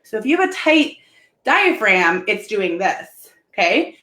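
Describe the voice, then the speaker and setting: A woman's voice: medium pitch, big pitch swings, a little slow, sharp tone. A heavily pregnant woman, somewhat out of breath, giving a casual, informal live-stream lesson as a health therapist and checking in as she explains. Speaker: pelvic health therapist teaching. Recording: roomy, echoing sound.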